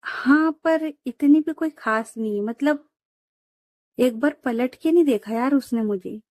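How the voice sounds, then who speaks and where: A woman's voice: high-pitched, measured pace, darkish tone, dry recording, studio quality. A woman voicing a bold, teasing young woman who talks in a cheeky, boastful way in a Hindi audio love story.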